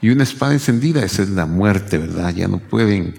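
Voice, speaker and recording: A man's voice: low-pitched, lively intonation, a little fast, vocal fry, a little mellow. A man preaching a teaching sermon, repeating key phrases and asking rhetorical questions. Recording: long hall reverb.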